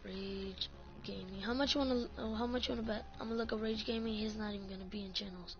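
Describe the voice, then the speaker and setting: Woman going off in a vlog, swears a lot, kinda high voice, muffled cheap sound. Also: steady tone, rapid-fire. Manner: ranting, profane, full of "like". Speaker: gaming clan leader. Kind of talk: casual vlog rant. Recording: dull lo-fi audio, faint music.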